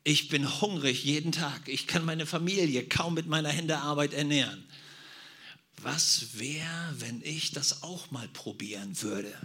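A man voicing a poor, hungry male woodcutter who mutters his thoughts quietly to himself in a retold fairy tale. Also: on the high side, measured pace, full character voice. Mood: longing.

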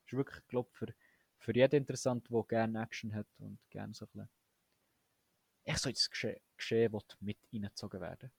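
A man's voice: on the low side, steady tone, a little fast, vocal fry, a little mellow, slightly rough, dry recording. A young man co-hosting a casual podcast chat, talking eagerly with slang and many restarts. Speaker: podcast co-host.

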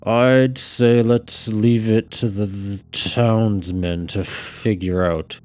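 A man voicing a brooding, volatile scarred man who speaks slowly and haltingly. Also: fairly low pitch, steady tone, a little mellow, soft background music. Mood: measured. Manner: slow, halting, drawn-out speech.

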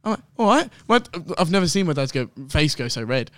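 A young man, guest host on a podcast, telling a long story in excitable, rambling casual chat full of fillers. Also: on the high side, fast talker, smooth, no echo. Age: young adult.

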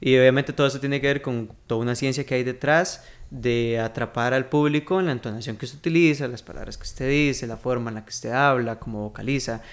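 Costa Rican man, relaxed podcast guest. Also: medium pitch, fairly quick, few pauses. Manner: relaxed, reflective, slangy. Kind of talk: casual chat.

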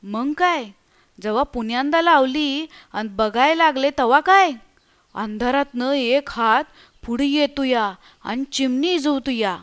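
Reading from a storybook, a woman plays a frightened village man who whispers a ghost tale in stammering, earthy words. She speaks at a measured pace in a high-pitched, clean tone, and the mood is spooked.

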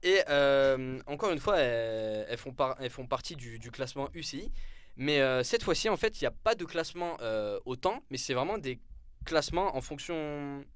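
A man's voice: medium pitch, expressive, normal speed, smooth, no room sound. A young man presenting a sports segment in casual radio chat, hesitant, full of fillers and restarts, often poking fun at himself. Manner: hesitant, lots of fillers and restarts, self-mocking. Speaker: sports columnist on a club show.

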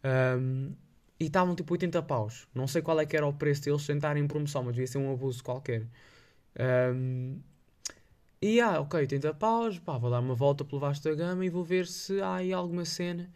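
Casting: young adult male, Lisbon accent, slightly high voice, slangy solo podcaster with a hesitant, meandering delivery. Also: darkish tone. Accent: Lisbon Portuguese. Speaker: podcast host. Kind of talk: casual solo chat, telling anecdotes.

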